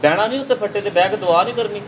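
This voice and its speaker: A high-pitched man plays a brash, teasing caterer in a comic sketch. He mocks and jokes while taking down an order. Steady noise sits behind his voice. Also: very fast.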